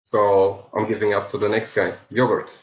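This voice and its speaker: A man in his twenties chatting as a podcast guest, loud and upbeat. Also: fairly low pitch, little pitch movement, moderate pace. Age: 20s. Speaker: podcast guest, server moderator. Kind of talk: casual chat. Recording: dull lo-fi call audio.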